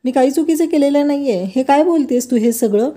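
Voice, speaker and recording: A woman's voice: sits high, brisk, dark tone, voice pushed up, natural voice. A woman voicing a proud young man from a TV serial, answering back defensively. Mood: indignant. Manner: defensive, indignant.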